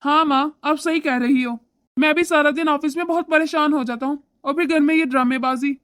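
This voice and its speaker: A woman voicing a young husband in an animated family story, lecturing his wife and doting on his mother. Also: high-pitched, a little fast, no room sound, clean studio sound. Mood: agreeable. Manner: scolding, lecturing. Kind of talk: animated moral story voice acting.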